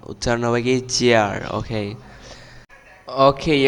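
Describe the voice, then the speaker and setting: A man teaching spoken English to children, saying English words slowly and clearly and correcting how they should be pronounced. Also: mid-range voice, big-room sound. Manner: slow, drawn-out model pronunciation of English words; repeats and corrects words, addressing children directly.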